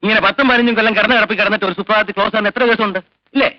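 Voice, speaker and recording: An actor playing a blunt, fast-talking old man. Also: sits high, steady tone, no room sound, close to an everyday voice. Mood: argumentative. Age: older. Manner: blunt and argumentative. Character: blunt, hard-headed old father of the patient's husband. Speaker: grandfather. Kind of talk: 1980s film drama. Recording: dull 1980s film soundtrack.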